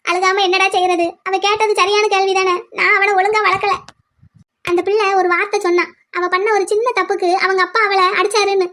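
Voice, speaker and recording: A woman's voice: extremely high pitch, completely flat delivery, fast, fairly bright tone. A woman voicing an anxious mother of two grown sons in a cartoon, lamenting and blaming herself. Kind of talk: cartoon voice acting.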